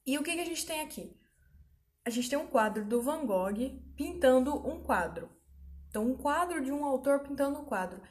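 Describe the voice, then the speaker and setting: Patient woman teaching a lesson. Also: high voice. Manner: patient explaining, frequent check-ins with students. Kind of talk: online grammar lesson.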